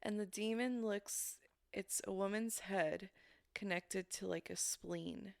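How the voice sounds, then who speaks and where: A woman's voice: medium pitch, steady tone, slow, creaky, no room sound, clean studio sound. A young woman co-hosting a podcast, cracking profane jokes and telling stories in a casual way. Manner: wisecracking, jokey and profane. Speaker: podcast co-host. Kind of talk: casual chat.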